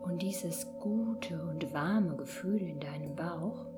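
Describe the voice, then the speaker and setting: A woman hosting a podcast and gently guiding a children's sleep meditation in a soft, whispery voice. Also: on the low side. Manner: soft slow whispered guidance. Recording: meditation music and singing bowls behind.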